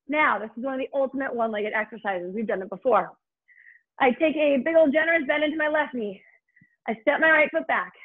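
A high-voiced woman coaches like an aerobics instructor, upbeat and urging. Her voice has a breathy edge. The recording is slightly dull and muffled. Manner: upbeat, encouraging, urging coach with short commands. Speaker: fitness instructor and host. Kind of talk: aerobics instructor leading a workout, calling counts and cues.

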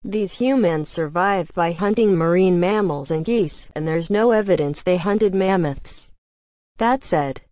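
Female narrator for nature documentary science script, slightly low register, dry studio-like sound. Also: darkish tone, no room sound.

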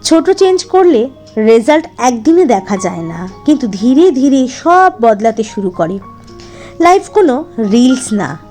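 Gentle advising woman, voice-over. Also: high voice. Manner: gentle, advising, mixing in English phrases. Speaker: lifestyle vlogger. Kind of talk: motivational voice-over. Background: faint background music.

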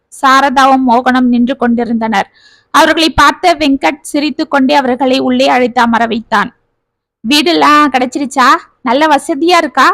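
Woman reading out a family story, high voice, dry close sound, steady. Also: no room sound. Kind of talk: spoken family story narration.

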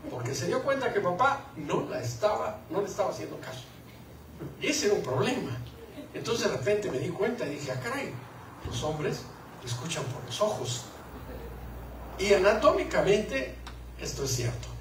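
A man's voice: sits high, very animated, normal speed, reverberant, recorded from a distance, slight background noise, poor audio. A man gives a joking live talk to couples about marriage and acts out little scenes. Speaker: conference speaker on marriage.

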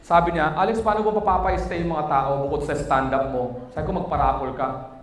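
Animated stand-up comedian man, echoey hall. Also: a little high, fairly quick. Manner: animated, acts out quoted voices. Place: wedding reception hall.

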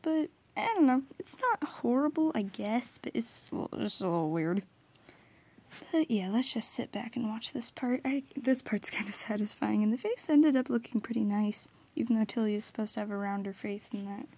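Young woman, casual art-vlog voiceover: rambling, giggly, self-mocking, fairly high, mellow voice. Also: moderate pace. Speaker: art vlogger. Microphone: small audio recorder, drifts off mic.

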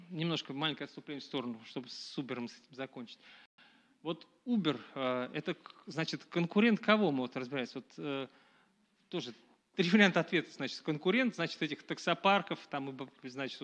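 With a mid-range voice and a brisk pace, a middle-aged man gives a public lecture in a small dark room before a live audience. A far-off camera records his conversational delivery, which is full of fillers and restarts.

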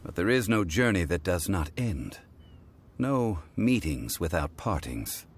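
A man voicing an ancient god living as a calm, dignified mortal, speaking in measured, formal sentences. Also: low voice, slight background noise. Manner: measured, formal, stately speech. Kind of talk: video game voice acting.

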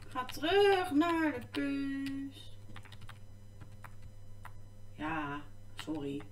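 A woman's voice: high-pitched, sing-song, extremely slow, distant mic, slight background noise. A woman, chatting casually and exclaiming as she plays a game at her computer. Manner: chatty, easily distracted, exclaiming. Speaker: gaming vlogger. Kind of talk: casual gameplay commentary. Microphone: desk microphone. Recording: echoey room, mic off to the side.

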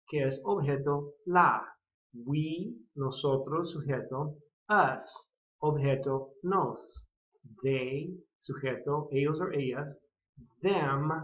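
An American man from California, a native English speaker, teaching an English grammar lesson in Spanish, patiently repeating model sentences. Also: fairly high pitch. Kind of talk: slow bilingual grammar lesson. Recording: echoey, dull lo-fi sound.

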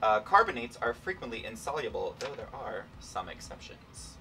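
A man's voice: medium pitch, big pitch swings, moderate pace, gravelly, sharp tone, a little hiss or hum. A young man hosting a casual science game with playful, campy enthusiasm, recorded in a lab. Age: young adult. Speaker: game host. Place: small laboratory, indoors.

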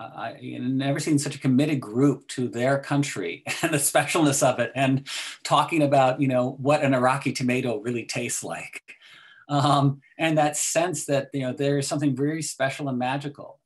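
A man in his sixties, a poet and teacher, talking in a thoughtful, measured way with frequent restarts on a video call from a small room at home. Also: mid-range voice. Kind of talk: video call discussion and poetry reading. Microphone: video call webcam.

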